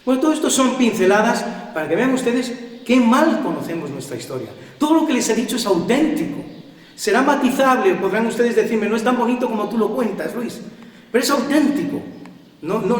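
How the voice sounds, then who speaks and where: A middle-aged Spanish man giving a public lecture, putting rhetorical questions to his audience. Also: sits high. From Spain. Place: cultural center hall. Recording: echoey hall, voice from far off.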